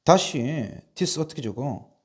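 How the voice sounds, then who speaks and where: A man's voice: on the high side, animated, slow, darkish tone, slightly rough. A man teaching an online English spelling lesson, asking how each word is written and then spelling it out letter by letter. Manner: drills spelling, spelling words out letter by letter; asks and answers his own questions. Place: recording a video lesson.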